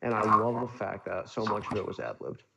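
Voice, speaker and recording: A man's voice: lowish voice, very animated, brisk, creaky, muffled recording, heavy background noise. A young man, a podcast guest, gushing in casual chat, rambling with lots of filler words. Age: young adult.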